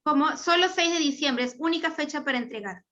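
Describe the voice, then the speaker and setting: A woman teacher guides her students through an assignment in an online class, speaking patiently and checking in with tag questions. Her voice is high, and the sound is dull and lo-fi. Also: brisk, pushed and bright. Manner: patient, explains step by step, ends phrases with tag questions. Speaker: school teacher.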